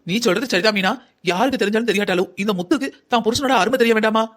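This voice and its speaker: A man's voice: sits high, very fast, a bit bright. A man voicing a stern middle-aged mother in a cartoon story who scolds her daughter with rhetorical questions. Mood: lecturing.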